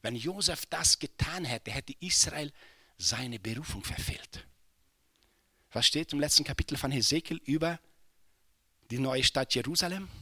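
A male pastor delivers a sermon in a high, piercing, very bright voice. He drops to hushed, near-whispered passages and then rises into loud impassioned cries, slipping English exclamations in along the way. The recording is close and dry, with no room sound. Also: unhurried, long pauses, no echo.

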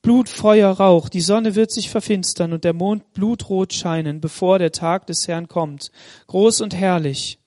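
High-voiced German preacher, dry sound. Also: male voice, fairly even intonation, darkish tone, no room sound. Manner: reads scripture aloud, slows for emphasis; addresses the congregation directly. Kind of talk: sermon with Bible reading. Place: church in Munich.

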